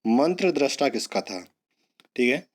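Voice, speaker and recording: A man's voice: mid-range voice, lively intonation, unhurried. A male teacher giving an online exam-prep lesson, repeating words and coaxing students along with memory tricks.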